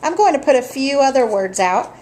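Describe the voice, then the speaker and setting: A woman's voice: sits high, lively intonation, a little fast, darkish tone. A woman teaching a recorded phonics lesson to children, patiently sounding out letters and words for them to repeat.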